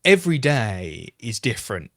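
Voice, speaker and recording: A man's voice: medium pitch, very animated, moderate pace, a bit bright, no echo, studio quality. A man, a former police officer co-hosting a podcast, talking reflectively and hesitantly in casual chat. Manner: reflective, hesitant, many fillers.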